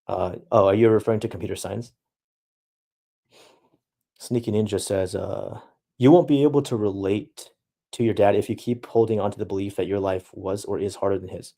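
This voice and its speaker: Soft-spoken young man reading chat. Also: fairly low pitch, vocal fry. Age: young adult. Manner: halting, self-reflective, reads chat messages aloud. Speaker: streamer answering chat. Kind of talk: casual chat.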